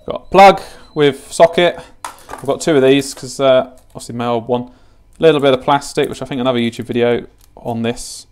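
There's slight background noise as a British man in his twenties shows off fishing gear in a casual unboxing tutorial from his home kitchen. He has a medium-pitched, darkish voice, keeps a moderate pace, and sounds chatty, informal and matter-of-fact.

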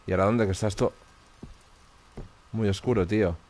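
A man's voice: fairly low pitch, steady tone, a little fast, darkish tone. A man with a Spain Spanish accent streaming live horror gameplay commentary, tense and muttering, swearing often.

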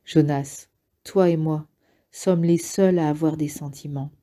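A woman reading the lines of a weary old male mentor in an audiobook, in a firm, low-key way. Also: steady tone, unhurried, mellow. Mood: subdued.

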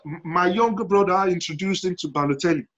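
A man's voice: high-pitched, fast, a bit bright. A man with a Yoruba Nigerian accent in an impassioned panel discussion, telling stories emphatically with rhetorical questions and repetition. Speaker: panel guest. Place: indoor room at home, video call. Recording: dull, lo-fi video call.

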